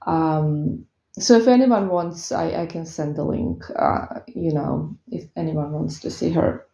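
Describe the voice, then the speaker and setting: Speaking a little slowly, a woman with a low, mellow voice and vocal fry talks casually to her viewers as a tarot reader. She is from Croatia, has a Croatian accent, and hesitates with many fillers. The audio is echoey and dull, lo-fi.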